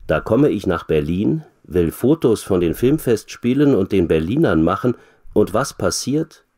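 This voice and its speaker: A man's voice: on the low side, big pitch swings, unhurried, mellow, heavily acted. A man reading the part of a nervous male photographer in a storybook for learners. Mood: glum.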